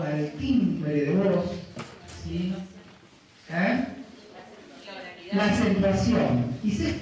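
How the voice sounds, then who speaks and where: A man's voice: high-pitched, darkish tone. A man giving a university lecture, explaining step by step and often checking in with his students. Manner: explanatory, keeps checking in with the class. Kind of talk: classroom lecture. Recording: very echoey room, distant mic.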